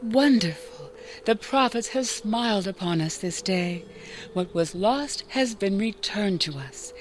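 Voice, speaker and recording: A woman voicing a calm, gracious female cleric in a video game, with formal, solemn and even speech. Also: medium pitch, measured pace, slight background noise, close to an everyday voice. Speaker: game character.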